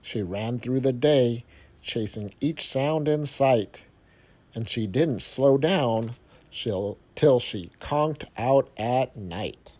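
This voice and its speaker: A man with a medium-pitched voice reads aloud from a rhyming picture book for little kids. He takes it at a measured pace, expressively, stopping for emphatic pauses.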